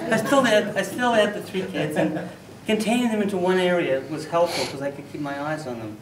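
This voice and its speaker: A man giving a humorous storytelling speech at a contest, animated, with loud bursts for sound effects. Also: sits high, noisy background. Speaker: contest speaker. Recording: echoey hall, mic from far off.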